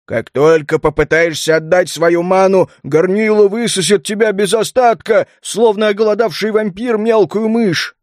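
A man's voice: sits high, fairly even intonation, moderate pace, few pauses, no echo, studio quality, natural voice. A man voicing an irritable, scornful old mentor in an audiobook, scolding and growling. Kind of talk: audiobook character voice.

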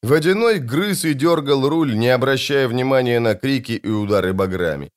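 A man's voice: mid-range voice, normal speed. Man narrating an adventure audiobook. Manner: expressive, lively storytelling.

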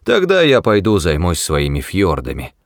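A man's voice: low-pitched, huge pitch swings, moderate pace, no room sound, studio quality, exaggerated voice. A man playing an elderly planet designer who speaks politely and grows passionate and indignant about his work. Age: older. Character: elderly male planet designer, proud and touchy.

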